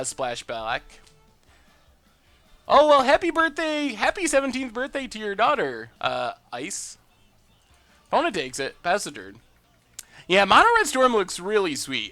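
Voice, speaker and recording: A high-pitched man streaming a card game sounds pushed and bright in a dry recording. He chats in an upbeat, conversational way, narrating his plays and reading and answering viewer messages.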